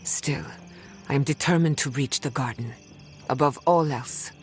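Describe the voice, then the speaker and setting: An actress playing a determined adventurer companion in a fantasy video game, speaking in a measured, resolute way. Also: female voice, rumbling low.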